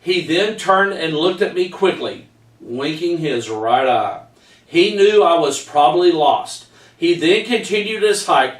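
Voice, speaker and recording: Reading his own book aloud, a middle-aged Texan author tells a personal story in a homespun, folksy manner and uses "y'all." His voice is a touch high for a man. Standing well back from the camera in a home room with framed pictures, he sounds distant, and the room adds a spacious echo.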